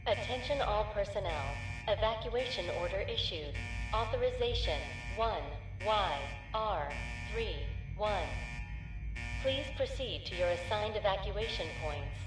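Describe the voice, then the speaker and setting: Calm robotic-sounding evacuation announcer, formal and flat, blaring over a far-off echoey factory loudspeaker. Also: female voice, medium pitch, over music. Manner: flat, formal, measured delivery. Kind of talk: video game public address.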